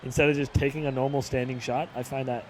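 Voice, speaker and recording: A man in his early twenties giving casual play-by-play commentary over a basketball video game, excitable and breaking into sudden shouts. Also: mid-range voice, quick pace, a little hiss or hum. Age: 20s. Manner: excitable, calls plays aloud with sudden shouts. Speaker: gaming YouTuber.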